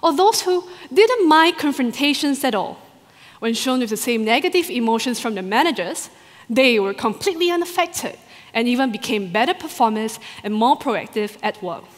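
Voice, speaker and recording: A woman doctoral researcher giving a rehearsed competition talk to a live audience in a large hall, expressive and full of rhetorical questions. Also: a little high, moderate pace. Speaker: doctoral researcher presenting her thesis. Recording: long hall reverb.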